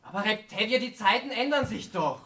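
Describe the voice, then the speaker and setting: A young actor playing a timid, earnest poor tailor on stage, hesitant and stammering. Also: male voice, high voice, animated, fairly quick, a bit bright. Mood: nervous, pleading. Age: young adult. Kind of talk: stage musical acting in German. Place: theatre stage.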